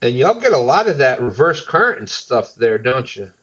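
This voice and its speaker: A man's voice: mid-range voice, very animated, normal speed, fairly bright tone. A man hosting a fishing show, joking and laughing as he chats with callers. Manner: jokey, laughing often, self-mocking. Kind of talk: casual chat. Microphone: camera and mic on a live stream. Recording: dull lo-fi stream audio.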